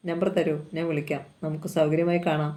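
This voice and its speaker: A reader voicing a sorrowful young woman who was to become a nun, speaking softly in a flat, dark tone. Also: mid-range voice, a little fast, natural voice. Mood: pleading.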